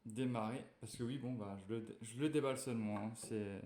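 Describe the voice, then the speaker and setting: A man's voice: mid-range voice, fairly quick, darkish tone. A man casually chatting while unboxing a phone, hesitant and full of fillers. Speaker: tech reviewer unboxing a phone. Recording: echoey room.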